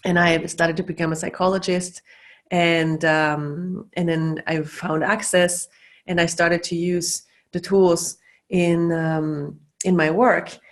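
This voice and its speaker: This middle-aged woman from Austria speaks slowly in a lowish voice with little pitch movement. She facilitates over a video call in loose, casual teaching talk filled with fillers and restarts.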